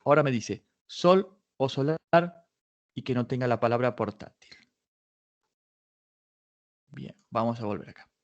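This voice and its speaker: A man teaching an online patent search workshop, talking through each step aloud and often restarting his phrases. His voice sits at an ordinary middle pitch. The class audio is slightly muffled and lo-fi. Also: measured pace, long pauses. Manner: explains step by step, thinking aloud with many restarts. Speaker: workshop instructor.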